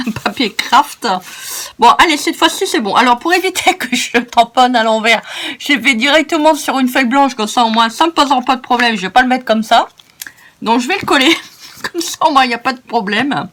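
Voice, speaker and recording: A woman's voice: high-pitched, lively intonation, a little fast, a bit bright. A French-speaking woman hosting a crafting tutorial, chatty and self-mocking as she narrates each step. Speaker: craft video host.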